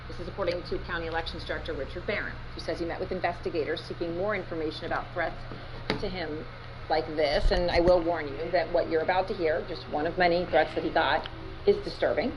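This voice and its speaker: A woman anchoring a TV news report, reading briskly and formally and interviewing a guest. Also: on the low side, fairly even intonation, music in the background. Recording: noisy news clip played back.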